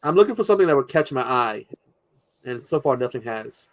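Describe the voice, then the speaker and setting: A man's voice: mid-range voice, very animated, fairly quick. A man chatting casually in a group, joking and often restarting sentences.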